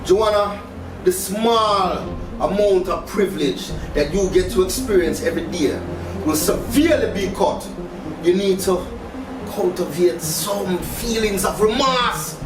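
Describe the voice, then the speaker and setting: A performer playing a stern, reproachful parent with a Jamaican accent, admonishing a wayward daughter deliberately in a drama. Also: medium pitch, close to an everyday voice. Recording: echoey room, distant mic, music underneath.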